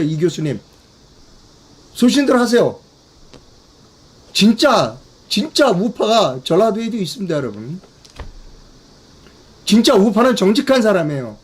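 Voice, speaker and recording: Emphatic high-voiced older man commentator. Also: breathy edge. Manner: emphatic, repetitive, rhetorical questions to viewers. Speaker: political commentator. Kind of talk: political news briefing monologue.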